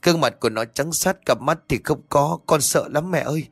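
A man's voice: fairly high pitch, fairly quick, husky, dry recording, faint music behind, pitched above the performer's own voice. A man voicing a frightened young girl who begs her mother to take her home. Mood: terrified pleading. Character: frightened teenage girl, trembling and pleading.

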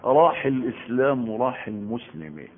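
A man's voice: medium pitch, animated, fairly quick, a little hiss or hum. A man with an Egyptian Arabic accent, giving an emphatic Quran lesson, repeating phrases and firing rhetorical questions. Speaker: Islamic preacher giving Quran commentary. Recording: tinny phone-like audio.

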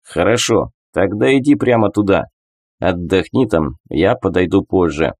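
A man doing a gruff, curt mentor. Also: lively intonation, a little slow, darkish tone, no echo, clean studio sound, exaggerated voice. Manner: low, curt, snorting delivery.

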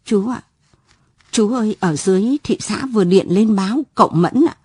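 A woman's voice: mid-range voice, moderate pace, a little mellow, slightly rough, dry recording, natural voice. A woman voicing a timid female housemaid who reports bad news hesitantly and deferentially. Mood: nervous.

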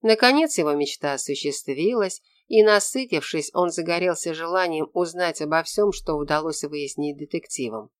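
An audiobook narrator reading a detective novel in an even, measured way. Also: medium pitch, dry recording.

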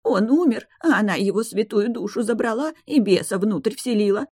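A woman's voice: lively intonation, normal speed, mellow, slightly rough, no room sound, studio quality. A woman voicing a grieving, pleading peasant mother in an audiobook. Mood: accusing. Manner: pleading, high and shrill.

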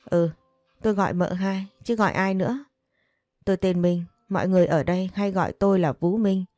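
A woman voicing a kindly, motherly older female house servant in an audio story, speaking with gentle advice. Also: on the low side, fairly quick, dry recording, clean studio sound, faint music behind, close to an everyday voice.

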